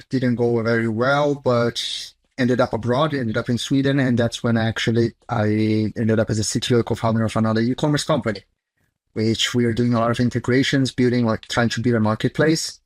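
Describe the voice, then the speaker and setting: A mid-range male voice with no echo, speaking with a Brazilian Portuguese accent on a video call. He's a chief technology officer guest in a casual conversational interview, candid and blunt, with loose non-native phrasing, talking from a small home office indoors.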